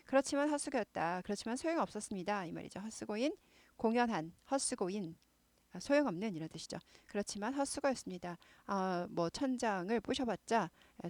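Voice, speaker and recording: A woman teaches English to Korean learners and walks through a news story one phrase at a time. She repeats words over and over and slows right down for the English phrases. Her voice sits in a middle range, recorded dry and close. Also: medium pitch, no echo.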